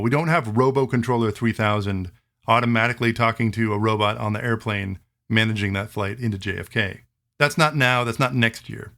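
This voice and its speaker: A man hosting a talk show, explaining things in a conversational way with animated asides, quick bursts and slower stretches to spell terms out. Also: mid-range voice. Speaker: host. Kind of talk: explanatory monologue.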